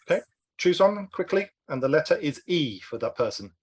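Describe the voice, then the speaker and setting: A man guides a group through a word game on a video call. His talk is brisk and encouraging, and he keeps nudging the players to answer quickly. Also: a little high, very animated, breathy edge. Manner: brisk, encouraging, urges speed. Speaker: online workshop host.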